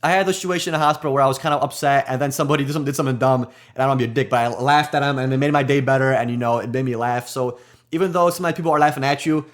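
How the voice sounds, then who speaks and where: A male nurse co-hosts a nursing podcast, chatting in an earnest, casual way and often repeating words as he restarts. His mid-range voice comes out rapid-fire.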